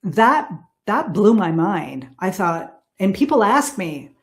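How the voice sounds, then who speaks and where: Slow-spoken woman in her sixties. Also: mid-range voice, sing-song. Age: 60s. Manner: earnest and emphatic, repeating key words. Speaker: podcast guest. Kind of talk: casual interview talk.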